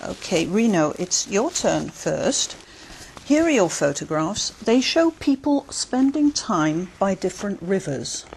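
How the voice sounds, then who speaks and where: A woman examiner asking set questions in a speaking test, measured and clear. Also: mid-range voice. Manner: measured and clear, encouraging murmurs. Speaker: exam interviewer.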